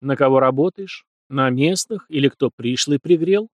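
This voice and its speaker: A man's voice: medium pitch, moderate pace, dry recording, lo-fi sound, lightly acted. A man voicing an arrogant young male nobleman who talks in scornful, snapping retorts. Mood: curt.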